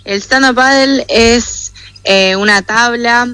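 A young woman takes interview questions over a phone line. She talks slowly and a little hesitantly, in a bright, clear, smooth voice. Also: a little high, dry recording. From United States. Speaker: athlete guest. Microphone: phone call over WhatsApp.

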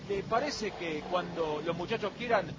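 A man's voice: sits high, moderate pace. An Argentine man announcing a football match live on radio from a stadium press booth, in a flowery, emphatic broadcaster style. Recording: muffled radio feed with noise.

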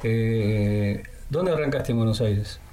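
A man's voice: fairly low pitch, slow pace, a crowd in the background. A man with an Argentine accent hosting a radio sports interview, chatty and full of leading questions and fillers. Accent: Argentine Spanish.

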